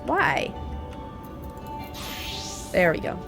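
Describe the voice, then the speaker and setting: A woman's voice: very slow, over music. A woman doing casual gameplay commentary while sick with a congested chest, blunt and grumbling, with casual swearing. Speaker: game streamer.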